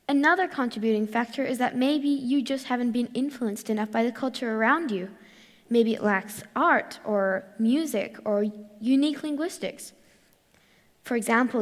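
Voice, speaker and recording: A teenage girl from Morocco and Australia giving a clear, rehearsed talk on stage. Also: on the high side, big-room sound. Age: teens. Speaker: youth speaker. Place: large hall.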